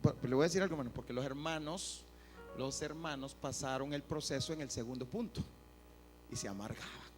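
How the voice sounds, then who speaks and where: A male pastor preaching a sermon, animated and acting out the voices of the people he quotes. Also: medium pitch, brisk. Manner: animated, acts out quoted voices, addresses listeners as "hermano". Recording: reverberant church hall, faint music.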